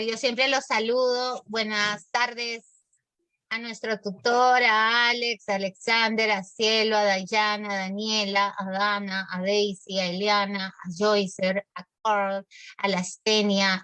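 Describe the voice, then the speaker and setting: A woman's voice: medium pitch, level tone, takes it slowly, fairly bright tone, clean tone, no room sound. A woman teaching grammar in an online class, explaining patiently, calling her pupils sweet names and checking often that they follow. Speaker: language teacher.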